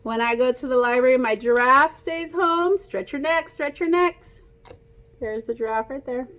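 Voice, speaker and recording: With a high voice and a moderate pace, a woman reads a picture book to children like a teacher. She's animated and playful, encouraging the little ones to chime in.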